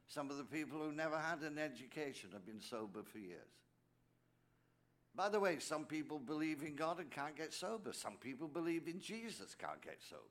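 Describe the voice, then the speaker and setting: Older english priest guy telling his story at a meeting, mid pitch, jokey asides. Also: a bit bright. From England. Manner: anecdotal, with joking asides to the audience. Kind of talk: personal testimony speech.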